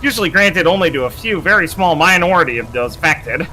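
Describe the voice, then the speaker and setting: A man's voice: on the high side, lively intonation, fast, pushed and bright, a little hiss or hum, voice pushed up, rough recording. A man voicing a callous, arrogant male researcher in formal, haughty speech, reading a video game's dialogue aloud. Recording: faint game music behind.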